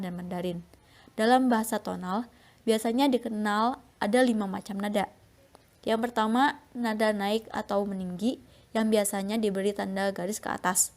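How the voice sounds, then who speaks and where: A young woman presenting a university phonetics class talk, reading her slides in a steady, explanatory way. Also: mid-range voice. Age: young adult. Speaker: student presenter.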